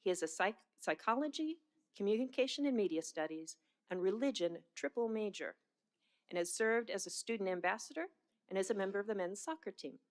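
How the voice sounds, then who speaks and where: A woman's voice: medium pitch, fairly quick. A woman reading ceremony announcements as a commencement presenter, with small hesitations.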